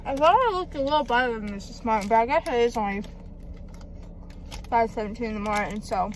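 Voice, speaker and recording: In a car parked at night, an eighteen-year-old woman vlogs to a close-held or propped phone camera in a fairly high, expressive voice at a quick pace. Slight background noise is audible, and she's chatty, self-mocking and swears freely.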